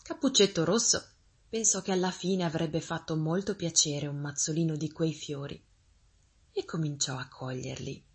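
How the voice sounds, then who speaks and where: Husky expressive woman reading a fairy tale. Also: sits low, moderate pace. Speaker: storyteller.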